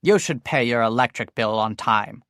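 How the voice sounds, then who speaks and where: A cranky elderly woman, as a male narrator puts her on scolds and huffs. The voice stays near the narrator's own gravelly tone, in a close, dry recording. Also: mid-range voice, normal speed, fairly bright tone, no room sound, lightly acted. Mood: scolding. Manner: scolding, huffy.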